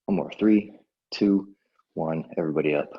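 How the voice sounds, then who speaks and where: A man's voice: extremely low pitch, moderate pace, muffled recording, slight background noise. A man coaching a workout like an aerobics instructor, casually giving short encouraging cues and countdowns while exerting himself. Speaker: fitness instructor.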